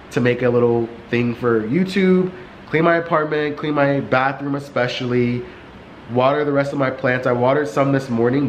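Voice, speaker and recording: Monotone young man rambling on camera. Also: medium pitch, slight background noise, rough recording. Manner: rambling, many "like" fillers. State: short of breath. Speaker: vlogger. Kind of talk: casual vlog chat. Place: warm sunlit apartment living room. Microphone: camera resting on a couch.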